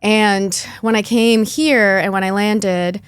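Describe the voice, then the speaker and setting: A woman's voice: medium pitch, fairly even intonation, slow pace, smooth, dry recording, studio quality. A young adult woman, born in Lithuania and raised in Chicago, telling her personal story as a podcast guest, earnest and chatty with many fillers.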